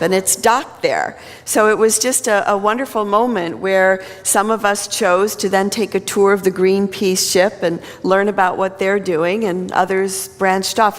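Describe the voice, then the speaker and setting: A woman minister giving a conversational sermon at a pulpit microphone in a church. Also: mid-range voice. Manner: conversational, plain-spoken. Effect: speaking at a pulpit microphone. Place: church sanctuary. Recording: long reverb of a large hall.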